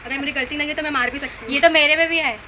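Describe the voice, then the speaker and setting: A young woman with a high, very bright voice talks fast and animatedly in a casual family vlog chat. Faint household noise sits behind her. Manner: animated, laughs while telling stories. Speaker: vlogger, eldest sister.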